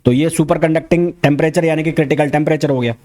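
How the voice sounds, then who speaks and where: A man with an Indian accent teaching a fast revision physics lecture, talking quickly and repeating key terms back as questions. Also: a little high, steady tone, warm tone. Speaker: physics educator.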